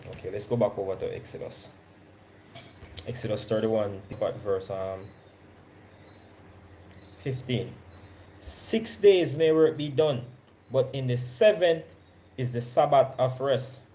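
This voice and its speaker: A man's voice: mid-range voice, mellow. Jamaican man teaching scripture. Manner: reads scripture slowly, stressing key words; conversational, checks in with listeners. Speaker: Bible teacher. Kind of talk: Bible study sermon.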